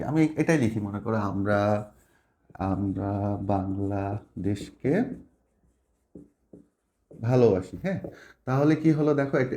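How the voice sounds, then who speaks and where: A man teaching a grammar lesson, explaining slowly step by step and often asking questions to check understanding. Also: mid-range voice, a little mellow. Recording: echoey room.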